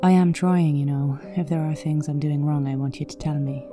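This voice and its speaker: A woman voicing an awkward, insecure young man in an audiobook reading, low, hesitant and pained. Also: fairly even intonation, moderate pace, over music, lightly acted.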